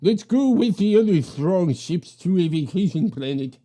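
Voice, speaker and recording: A woman voicing a big shaggy alien crewmate, loud, firm and protesting, in a comic storybook read-aloud. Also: fairly low pitch, animated, moderate pace, pitched below the performer's own voice.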